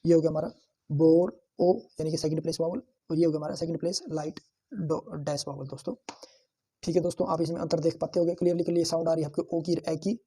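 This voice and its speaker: A man teaching a shorthand lesson, saying each word slowly and several times so students can repeat after him, and calling his viewers friends. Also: on the high side, level tone, mellow, breathy edge. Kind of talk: lesson with drilled repetition.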